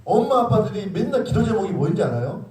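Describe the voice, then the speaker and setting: A man's voice: sits high, big pitch swings, fast, a little mellow. A young man preaching a sermon to middle schoolers as a youth pastor, talking informally, teasing, and acting out quotes with laughs. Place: church sanctuary. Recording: echoey room, far from the mic.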